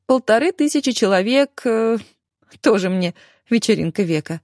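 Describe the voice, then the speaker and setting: A woman voicing a sharp-tongued young woman dressmaker who makes wry, amused asides. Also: a little high, animated, normal speed, no echo, studio quality, lightly acted.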